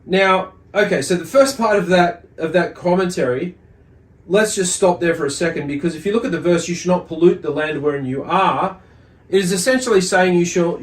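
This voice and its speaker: A man leads a religious study lesson, explaining and reading commentary slowly and deliberately, with pauses and repeated words. His voice is high-pitched, and the room sounds echoey.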